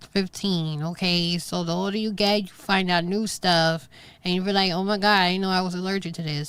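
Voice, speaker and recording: A woman's voice: fairly low pitch, clear, resonant tone, no echo. A middle-aged woman with a Brooklyn New York accent, hosting a podcast in casual, rambling chat with emphatic asides. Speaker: podcast host. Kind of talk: casual solo chat to a live stream.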